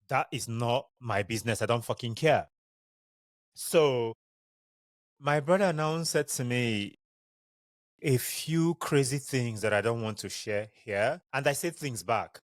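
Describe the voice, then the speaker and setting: Young Nigerian man, podcast host, candid storytelling monologue, mid-pitched, dry booth sound. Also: unhurried, no echo. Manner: chatty, digressive, candid and expressive. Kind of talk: casual personal storytelling monologue.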